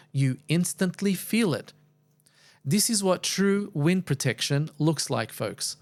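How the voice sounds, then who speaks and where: A man narrating a scripted product review as the reviewer, with a wry, playfully exaggerated way of talking. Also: medium pitch.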